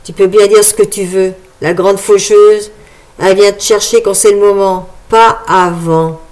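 A woman voicing a loyal, worried old man in a read-aloud story, talking bluntly and slowly. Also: medium pitch, fairly even intonation, darkish tone, close to an everyday voice, poor audio. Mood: scolding.

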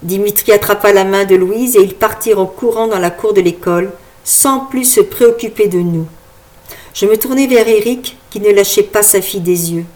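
Woman, audiobook narrator, first-person novel, smooth even reading. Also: mid-range voice, normal speed.

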